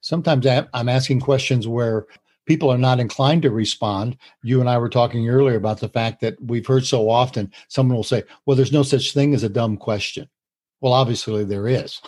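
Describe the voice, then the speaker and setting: A man's voice: mid-range voice, a little fast, darkish tone. A man co-hosting a talk show on communication, explaining points earnestly and laughing easily. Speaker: co-host. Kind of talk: conversational podcast talk on communication.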